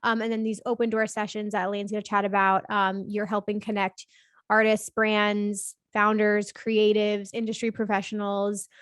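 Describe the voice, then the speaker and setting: A woman's voice: medium pitch, little pitch movement, normal speed, clear, resonant tone, no echo, clean studio sound. A woman hosting a podcast interview, bubbly and enthusiastic, talking casually with lots of fillers. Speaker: podcast host.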